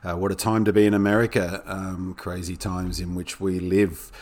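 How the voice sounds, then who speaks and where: An Australian man with a croaky, hoarse voice from being sick, giving an informal, opinionated sports podcast monologue in a halting way. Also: low-pitched, flat delivery, a little mellow. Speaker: podcast co-host, football pundit.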